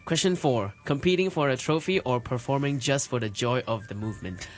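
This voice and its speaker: A man's voice: medium pitch, brisk, faint music behind. Guy cohosting a podcast, reads quiz questions, short reactions. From Hong Kong. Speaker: podcast co-host. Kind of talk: podcast interview hosting.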